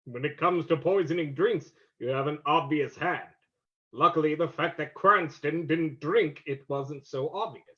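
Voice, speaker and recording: Man as The Shadow, slow, sinister radio avenger. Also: on the high side, dull audio, natural voice. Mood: menacing. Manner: theatrical, ominous, deliberate. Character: mysterious avenging crime-fighter, sinister, mocking and commanding. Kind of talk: old-time radio acting.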